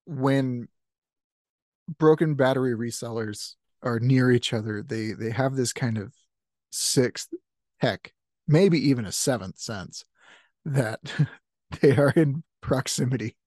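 A man's voice: medium pitch, takes it slowly, long pauses, a little mellow, dry recording, clean studio sound. A man improvising a silly comic story with friends, laughing often and rambling through fillers.

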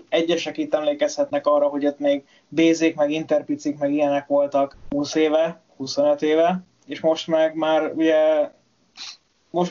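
A man in a casual panel chat, explaining calmly and agreeing often. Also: a little high, dull audio.

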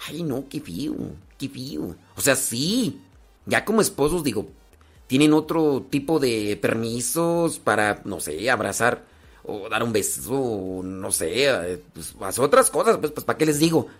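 A man's voice: mid-range voice, big pitch swings, unhurried. A man with a Mexican Spanish accent chatting casually as a host, giving family and marriage advice with jokes and rhetorical questions. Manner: chatty, joking, rhetorical questions, many restarts.

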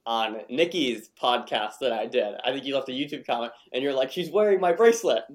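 A man's voice: medium pitch, steady tone, fairly quick. Easygoing male podcast host. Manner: easygoing, encouraging, repeats words while thinking. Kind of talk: casual podcast interview.

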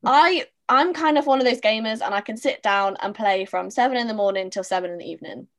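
A woman's voice: fairly high pitch, fast. A woman hosting a podcast, chatting casually in an upbeat, easy-laughing way. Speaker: podcast host.

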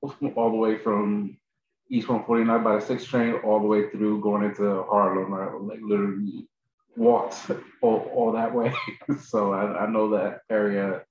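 A man, chatting casually as an interviewer in a halting, repetitive, informal way. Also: fairly low pitch, level tone, darkish tone. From the Bronx, New York. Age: 40s. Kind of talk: casual chat. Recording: roomy, echoing, slightly dull audio.

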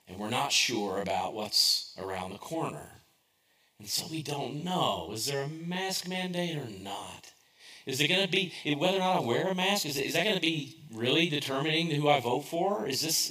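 Bright-voiced man preaching a conversational sermon. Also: medium pitch, rough recording. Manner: conversational storytelling, self-deprecating humor, rhetorical questions. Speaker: pastor.

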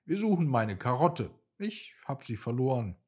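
Storybook bunny: small, brave young rabbit, high and fretful, voiced by a man, lively rises and falls. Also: normal speed, breathy edge. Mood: fretful, eager. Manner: excited, fretful exclamations.

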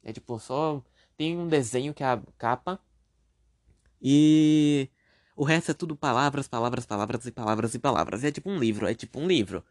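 A man's voice: medium pitch, quick pace. A young man with a Brazilian Portuguese accent, talking on his own podcast, rambling casually with self-deprecating jokes. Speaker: podcast host. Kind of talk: casual solo podcast monologue.

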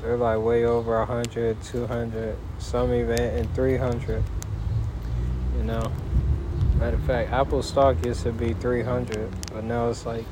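A man hosting a casual solo podcast outdoors in a backyard, rambling in a folksy way and pausing mid-thought. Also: medium pitch, level tone. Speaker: podcast host. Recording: noisy outdoor backyard, wind and ambience.

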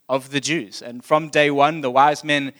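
A man's voice: on the high side, fairly even intonation, measured pace, a bit bright. Man preaching in a conversational tone. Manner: asks the listeners direct questions. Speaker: pastor. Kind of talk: sermon.

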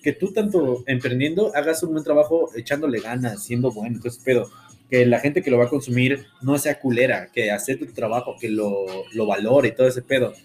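A man's voice: medium pitch, a little fast. A young man from Mexico with a Mexican Spanish accent, co-hosting a podcast in casual, profane chat. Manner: slangy, profane, excitable. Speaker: podcast co-host.

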